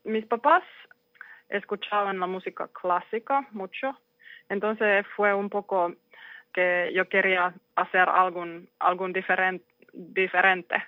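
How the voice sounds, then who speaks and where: A Finnish jazz saxophonist giving halting interview answers in a learned language, pausing often to search for words. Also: medium pitch, fairly even intonation, no room sound. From Finland. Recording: tinny phone-like line.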